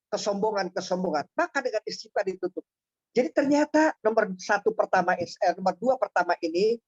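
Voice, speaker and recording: Man preaching over a dull lo-fi feed. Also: high-pitched. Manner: repetitive, drawn-out emphasis. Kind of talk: storytelling sermon.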